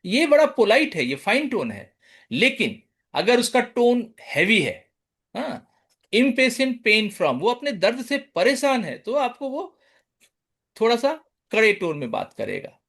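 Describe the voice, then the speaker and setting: A man's voice: extremely high pitch, slow, husky. A man giving an online lecture, mixing in English terms and acting out how patients talk. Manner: mixes English terms into explanation; lively, acts out patient speech. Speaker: homeopathy lecturer.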